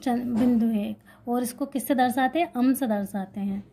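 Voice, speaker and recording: A woman's voice: a little high, moderate pace, dark tone, slightly rough. A woman teaching an exam-prep grammar lesson, explaining while writing and repeating key points, asking questions and answering them herself.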